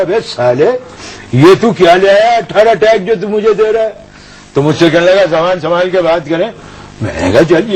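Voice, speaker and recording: A swaggering, middle-aged customs officer spins a mocking anecdote. His voice sits a touch high and slightly husky, swinging widely up and down as he acts out both sides of the squabble. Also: low-quality recording. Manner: animated storytelling, acting out both sides of quarrels. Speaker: customs officer character on a talk show. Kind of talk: comic anecdote told in character.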